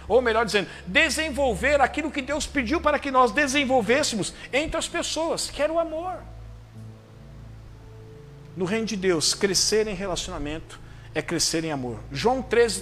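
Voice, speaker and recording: Lively high-voiced Brazilian pastor preaching. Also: male voice, a little hiss or hum. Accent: Brazilian Portuguese. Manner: storytelling, acts out quoted voices, rising emphatic peaks. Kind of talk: sermon. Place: church service.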